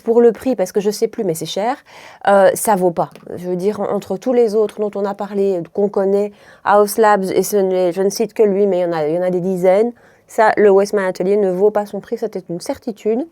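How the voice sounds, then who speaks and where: A woman's voice: medium pitch, fairly even intonation, normal speed, darkish tone, dry recording, studio quality. A woman from Belgium with a mild Brussels accent, chatting through a makeup tutorial in a rambling way, often stopping herself and laughing. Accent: Belgian French, mild Brussels. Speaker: beauty vlogger.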